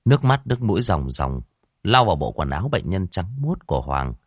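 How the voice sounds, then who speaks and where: Casting: very deep male storyteller, lively and dramatic delivery, dry close mic. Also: brisk, no room sound. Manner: expressive, dramatic, voices characters. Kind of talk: horror audiobook narration.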